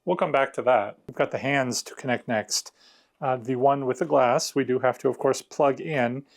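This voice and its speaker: Gravelly-voiced man giving a casual review. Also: mid-range voice, normal speed. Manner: conversational, explanatory. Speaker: product reviewer. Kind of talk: casual hands-on unboxing and review narration.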